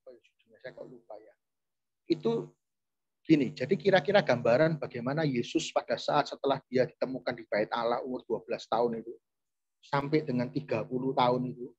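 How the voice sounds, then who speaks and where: A man's voice: medium pitch, slightly rough, no room sound, muffled recording. A man preaching a chatty, conversational sermon, often turning to address his listeners directly. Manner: chatty, addresses audience often, restarts phrases.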